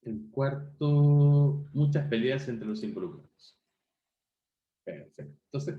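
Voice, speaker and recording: A man teaches a class over a video call, often pausing to ask whether his students follow. His voice is mellow but rises and falls in a lively, animated way. The call audio is roomy and a bit dull. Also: on the high side. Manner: questioning, checks understanding often. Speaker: university teacher. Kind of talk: online class review.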